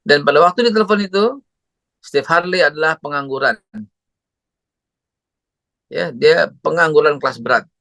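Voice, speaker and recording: A man's voice: on the high side, moderate pace, gravelly, long pauses, fairly bright tone, dry recording. A man who preaches a parenting talk and tells stories animatedly, acting out voices. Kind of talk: religious parenting talk with storytelling.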